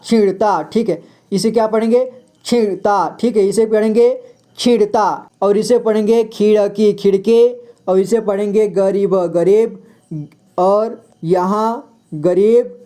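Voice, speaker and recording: A man giving a slow reading lesson, patiently spelling out words and repeating each one several times for learners. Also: high voice, mellow. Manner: asks and answers his own questions. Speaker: Hindi reading teacher.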